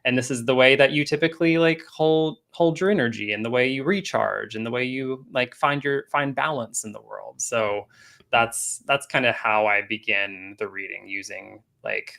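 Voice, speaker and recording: Bright-voiced man, chatty coach. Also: medium pitch, normal speed, creaky. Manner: relaxed, many fillers and restarts; laughs often. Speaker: guest coach and energy healer. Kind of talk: casual interview talk. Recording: live stream call.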